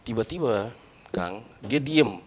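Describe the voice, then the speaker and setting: A young man casually telling a personal ghost story in conversation, animated and acting out the voices of the people in it. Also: medium pitch, slow pace. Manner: animated, acts out quoted voices. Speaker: guest storyteller.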